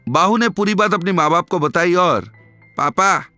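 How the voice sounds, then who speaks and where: A man narrating a cartoon story in a lively storytelling manner, ending with a moral. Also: high-pitched, moderate pace, dry recording, faint music behind.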